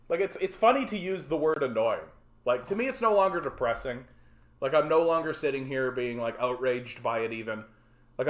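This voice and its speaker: A man in his forties from Canada, hosting a solo livestream in a frustrated, rambling rant full of stammered repeats. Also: mid-range voice. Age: 40s. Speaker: livestream host. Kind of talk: ranting solo livestream talk. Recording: roomy echo.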